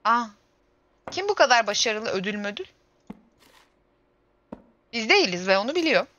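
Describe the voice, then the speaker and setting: Young female streamer, 20s, bright voice, chatty and grumbly; lo-fi stream mic. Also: a little high, very animated, moderate pace, slight background noise. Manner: chatty, exclaims and grumbles to herself while playing. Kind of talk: casual gameplay livestream chat. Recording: dull lo-fi stream audio with faint game music.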